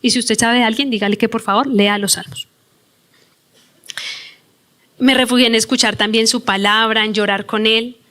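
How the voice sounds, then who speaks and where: Earnest higher-voiced woman pastor preaching. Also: fairly even intonation, a bit bright. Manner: earnest, emotional storytelling, voices her own prayers; reads scripture aloud slowly. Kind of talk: sermon with personal testimony. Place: church.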